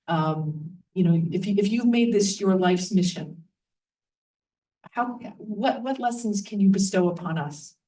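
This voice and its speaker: A woman moderating a campus Q&A, asking earnest, measured questions. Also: medium pitch, warm tone. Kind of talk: campus Q&A conversation. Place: college campus event room. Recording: distant mic.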